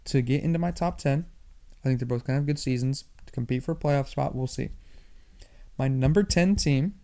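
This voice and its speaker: A young man hosting a sports podcast, talking fast and animated in a casual monologue, often repeating himself. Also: mid-range voice. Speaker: podcast host.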